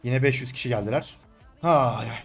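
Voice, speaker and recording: A young man casually commentating his own gameplay, taunting and yelling at the screen, then calming down to explain his moves. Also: medium pitch, normal speed, faint music behind. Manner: excitable, shouts and taunts at the game, swings between calm and loud.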